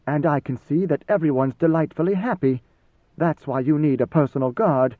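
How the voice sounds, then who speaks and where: In an audiobook reading, a man with a somewhat high, everyday-sounding voice at normal speed portrays a proud male warrior who is blunt, wary and full of challenging questions. The mood is resentful and confrontational, and the recording sounds slightly roomy and narrow, like a phone.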